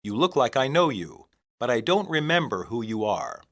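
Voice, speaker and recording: An English teacher reads practice phrases aloud for a scripted language lesson. He has a mid-pitched voice with animated intonation and delivers each phrase separately and deliberately for learners.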